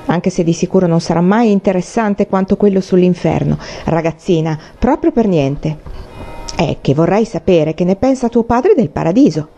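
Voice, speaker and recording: A woman reading the part of a blunt, provocative man who booms and teases in an audiobook. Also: animated, normal speed, warm tone, soft background music. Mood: gruff banter. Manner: booming, teasing, blunt. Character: blunt loud provocative middle-aged man. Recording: dull lo-fi recording.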